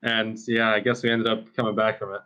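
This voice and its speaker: Bright-voiced young man, chatty gamer. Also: on the low side, flat delivery, brisk. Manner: casual, filler-heavy, laughs often. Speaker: pro esports player. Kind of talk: post-match interview.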